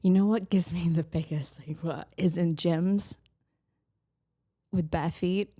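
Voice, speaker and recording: A woman's voice: on the low side, fairly even intonation, takes it slowly, warm tone. A young British woman, a podcast guest, chatting casually in a giggly, chatty way. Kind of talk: casual chat.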